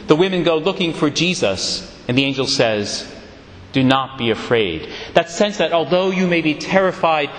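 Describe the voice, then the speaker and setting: Male preacher, fairly high voice with lively pitch, roomy church reverb. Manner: expressive, measured storytelling delivery. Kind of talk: sermon. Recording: echoey church hall.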